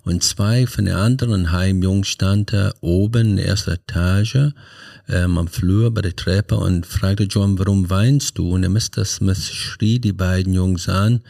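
Low flat-voiced older man. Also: vocal fry, no echo, clean studio sound. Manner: halting, many fillers and restarts. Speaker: podcast guest. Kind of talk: personal storytelling.

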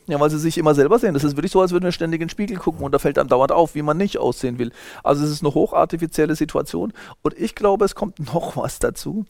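A German sociologist in his fifties is being interviewed, lecturing at length with frequent hesitations, fillers, and restarts as he thoughtfully explains his ideas. His voice sits fairly high, and the studio-quality recording has no echo.

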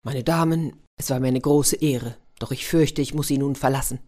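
A woman's voice: very deep voice, moderate pace, mellow. A woman voicing a formal, gallant male tin soldier who captains a paper boat in a children's story. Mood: solemn. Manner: stiffly polite, commanding.

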